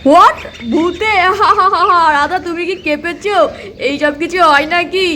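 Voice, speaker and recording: A woman's voice: very high voice, normal speed, bright, forceful tone, a little hiss or hum. A woman voicing a grumpy, skeptical father who scoffs and scolds in a doll cartoon. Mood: scoffing.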